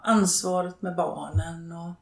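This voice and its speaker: Creaky, hesitant older woman. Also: lowish voice, fairly even intonation, darkish tone. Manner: hesitant, halting, many pauses and fillers. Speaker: interviewee, widow and network co-founder. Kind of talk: reflective interview talk. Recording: roomy, echoey room.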